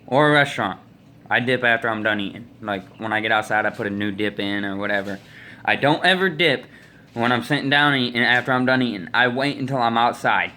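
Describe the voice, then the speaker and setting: Holding his phone at arm's length in a small room, an American guy in his twenties casually tells opinionated, folksy stories to camera. He speaks briskly in a mid-range voice that sounds pushed and bright.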